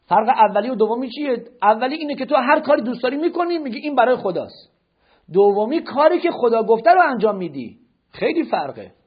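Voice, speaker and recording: A man lectures on religion in a high, husky voice, pressing his listeners with question after question. His teaching tone is didactic and rhetorical. The recording is dull and lo-fi. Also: big pitch swings.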